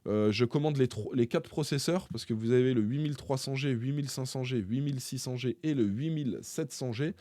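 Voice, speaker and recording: A man runs through tech news for his viewers in a loose, conversational way. He often stops on fillers and restarts his phrasing. His voice sits at an ordinary mid pitch, recorded close and dry. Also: dark tone, no echo. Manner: chatty, hesitant, frequent filler pauses; addresses viewers directly. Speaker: tech YouTuber. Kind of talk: casual tech news commentary.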